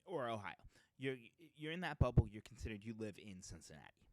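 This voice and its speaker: A young man with a Boston accent rambles through a casual podcast chat. His voice sits fairly low and the sound is close and dry, with no room around it. He talks with plenty of fillers and restarts. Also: sing-song, fairly quick, dark tone, no echo. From Metro West Boston area. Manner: rambling, laid-back, with many fillers and restarts. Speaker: podcast co-host. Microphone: podcast mic.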